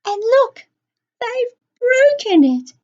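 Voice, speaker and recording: A woman voicing a small, tearful little boy bear cub with a tiny high voice. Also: big pitch swings, takes it slowly, lo-fi sound, full character voice. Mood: wailing. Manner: wailing, tearful.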